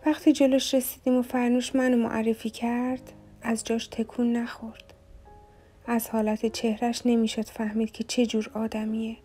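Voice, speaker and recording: A woman reading a novel aloud as an audiobook narrator, in a soft, even storytelling manner. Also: a little high, soft background music.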